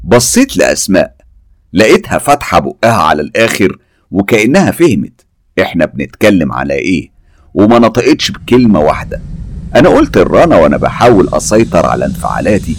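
Deep husky Egyptian horror storyteller. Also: male voice, very animated, fast, no echo. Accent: Egyptian Arabic. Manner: dramatic, suspenseful. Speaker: narrator. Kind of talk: first-person horror storytelling.

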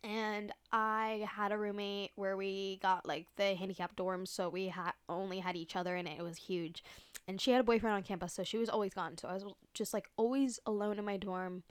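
A woman's voice: mid-range voice, level tone, normal speed, clean tone, no room sound. Young woman, dry-sounding, chatty and slangy. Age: young adult. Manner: slangy and profane, with heavy filler "like". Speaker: podcast host. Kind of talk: casual solo chatty monologue.

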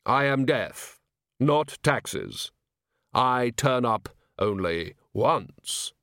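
A man voicing Death as a solemn, grave figure who speaks flatly and without hurry. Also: mid-range voice, no echo, clean studio sound, heavily acted. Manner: flat, grave, unhurried. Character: Death, solemn cosmic male reaper.

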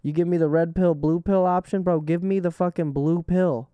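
A man's voice: sits high, fairly even intonation, moderate pace, dark tone, clear, resonant tone, no room sound. A man hosting a podcast in a casual, rambling chat, laughing often and swearing freely. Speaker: podcast host.

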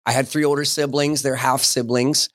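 A man from southern New Jersey speaks as a podcast guest, relaxed and quick to laugh while he tells his stories. His voice sits at an average pitch. It is recorded close and dry, with no room sound. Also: no room sound. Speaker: church missions director, podcast guest. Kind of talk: casual interview.

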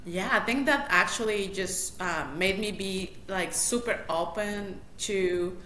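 This guest is a matchmaker from Mexico City with a Mexican Spanish accent, chatting in a casual interview. She takes it slowly, in a medium-pitched voice with a bright, forceful tone, laughing often and beginning sentences again. Faint noise and echo fill the room.

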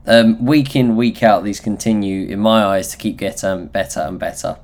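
Low-pitched nasal Essex man. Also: steady tone, normal speed, a little mellow. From Essex, England. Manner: candid, self-deprecating, sweary. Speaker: podcast host. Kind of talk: solo motivational podcast talk, informal.

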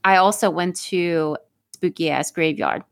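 A woman's voice: lowish voice, steady tone, a little slow, creaky, no room sound, clean studio sound. A woman co-hosting a podcast, rambling in casual chat and swearing freely. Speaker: podcast co-host.

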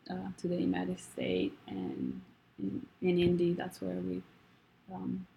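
A Rwandan college student in her young adult years, not a native English speaker, joins a casual conversation as a guest. Slow and gravelly, her voice is on the low side yet swings widely in pitch; she's soft-spoken and hesitant, with lots of fillers and restarts. The audio is dull, with a little hiss or hum.

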